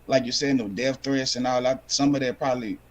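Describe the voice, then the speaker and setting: A man's voice: medium pitch, fairly even intonation, fairly quick, slight background noise. A man calling in to a live interview, friendly and laid-back, giving support. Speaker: caller. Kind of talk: call-in comment.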